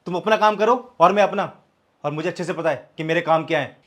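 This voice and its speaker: A man's voice: fairly high pitch, quick pace, a bit bright, natural voice. An actor playing a proud young man who argues defensively with his partner, then turns cold and bitter. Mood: angry. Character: young man, proud, hurt, coldly walking out. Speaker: live-in partner. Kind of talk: scripted short-film acting.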